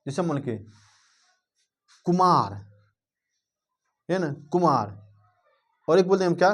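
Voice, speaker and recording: A male teacher with a fairly high voice runs a grammar lesson. He keeps quizzing his students and asking whether they follow, and now and then stretches vowels out slowly to demonstrate length. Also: lively intonation. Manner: drills students with repeated questions and "clear?" checks; drawls words out slowly to show vowel length.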